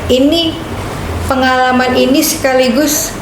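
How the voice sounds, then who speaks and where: A woman in her fifties from Medan, the head of a land office, telling her story as a guest in a casual podcast interview in a lively, proud way. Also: measured pace. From Medan, Indonesia. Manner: animated, with big pitch swings and a proud tone. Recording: echoey room with background noise.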